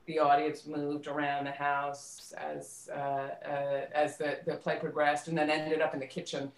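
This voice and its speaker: Appearing as an interview guest, a middle-aged American theater actress and director looks back on the past in a reflective, conversational way, groping for details. She speaks unhurriedly in a deep, monotone voice. The recording is echoey and roomy.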